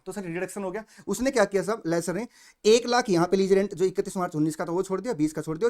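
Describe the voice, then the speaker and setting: A man from India giving a fast accounting exam lecture, mixing Hindi and English with an Indian English accent and often checking in with listeners. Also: high voice. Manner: rapid Hindi-English mix, habitually says "saahab", checks in with "theek". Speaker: CA exam tutor.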